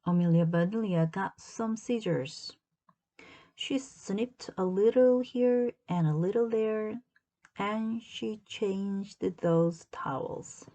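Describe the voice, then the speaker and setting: A woman reading a children's story aloud as narrator, in a deliberate, expressive storytelling manner. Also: mid-range voice. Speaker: storybook reader.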